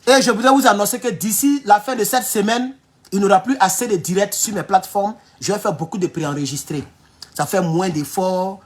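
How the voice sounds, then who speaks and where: A man with an Ivorian French accent talking casually on a livestream, reading viewer comments with mocking asides and laughter, dropping to low mutters and then flaring up loudly. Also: brisk, slight background noise. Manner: animated, laughs often, mocking asides, swings from low mutters to loud outbursts. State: sore back. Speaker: online political commentator.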